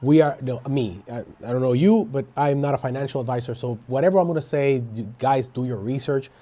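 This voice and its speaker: A man's voice: medium pitch, fairly quick, warm tone. A man, chatting casually as a guest, emphatic and often repeating himself. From Latin America, Dominican Republic. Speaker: interview guest. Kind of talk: casual chat.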